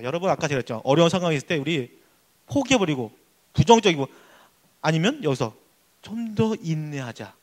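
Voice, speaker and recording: A male pastor giving an emphatic, excitable sermon at a church youth service. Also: a little high. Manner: excitable, emphatic preaching that acts out prayers.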